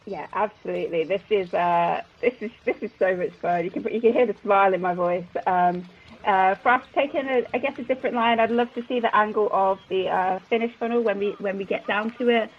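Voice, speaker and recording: A woman commentating live on a race, her enthusiasm spilling out through fillers and restarts. Her voice is husky and a little breathy, and the broadcast audio sounds dull and lo-fi. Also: mid-range voice, brisk. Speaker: color commentator.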